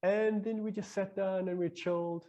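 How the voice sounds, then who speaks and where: A man in a casual podcast conversation, telling a long story in a rambling, animated way and acting out his own inner voice as he goes. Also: high voice, moderate pace, muffled recording.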